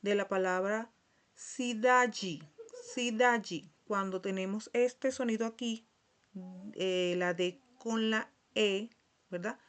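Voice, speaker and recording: A woman's voice: mid-range voice, steady tone, slow pace, clean tone. A woman teaching a Portuguese lesson in Spanish, going through the alphabet letter by letter and often checking in with "¿verdad?". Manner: patient, checks in with frequent "¿verdad?"; spells out letters one by one. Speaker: language teacher. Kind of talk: slide-based Portuguese lesson for Spanish speakers.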